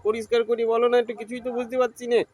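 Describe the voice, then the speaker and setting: A high-pitched man talks back to a clip. He sounds exasperated and mocks it in a comic reaction. He is the show's host. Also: completely flat delivery, very fast, darkish tone. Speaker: content creator reacting to a clip.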